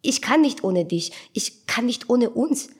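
A woman's voice: fairly high pitch, lively intonation, moderate pace, husky, pitched above the performer's own voice. A woman voicing a stammering, anxious young man. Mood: pleading. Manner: stammering, pleading.

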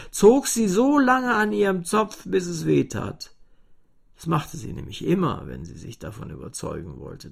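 A man reading a children's story aloud, slow, lively and expressive, sometimes dropping to a whisper. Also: fairly high pitch, gravelly, husky.

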